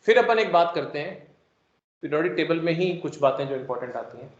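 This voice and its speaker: A man's voice: fairly high pitch, lively intonation, a little fast. A male chemistry teacher giving a classroom lecture, joking and explaining with everyday classroom analogies. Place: classroom with students present. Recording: echoey classroom, dull lo-fi sound.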